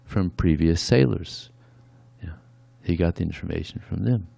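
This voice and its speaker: Speaking at a temple, this man offers a relaxed devotional sermon, frequently tossing in "yeah" as he moves from point to point. His deep voice is gravelly and mellow with a breathy edge, unhurried, and captured in a dry recording.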